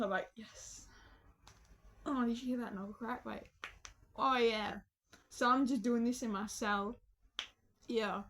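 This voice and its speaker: A woman's voice: fairly high pitch, low-quality recording. A young woman casually telling a story about herself, full of slang and swearing, joking and calling the listener "bro". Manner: slangy, profane, joking, says "bro" a lot. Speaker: vlogger.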